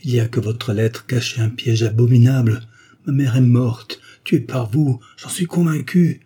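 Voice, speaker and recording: A man's voice: mid-range voice, steady tone, moderate pace, creaky, dark tone, husky. A man reading an audiobook voices a furious, grief-struck young duke who hurls vehement accusations. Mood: enraged.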